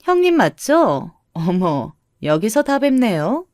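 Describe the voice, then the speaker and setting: A woman voicing a snobbish sister-in-law near forty who talks down to others in a slow, mocking drawl. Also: medium pitch, animated, darkish tone, no echo, clean studio sound, natural voice. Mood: sneering. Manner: mocking, condescending, drawn-out.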